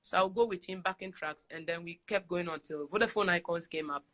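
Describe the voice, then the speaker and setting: A Ghanaian woman, a singer, chatting as a guest over a video call in a casual live-stream interview, animated and laughing often as she acts out the voices in her stories. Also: lowish voice, brisk.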